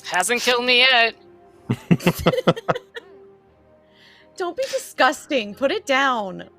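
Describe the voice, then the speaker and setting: A woman's voice: a little high, very animated, slow, pushed and bright, soft background music, full character voice. A woman voicing a flippant, reckless young man who teases his companions. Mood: cheeky.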